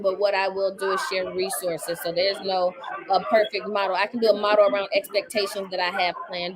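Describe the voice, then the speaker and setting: A woman's voice: mid-range voice, rough recording. A woman hosting an online gathering, talking casually and emphatically with joking asides. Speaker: host. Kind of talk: casual talk to a live online audience.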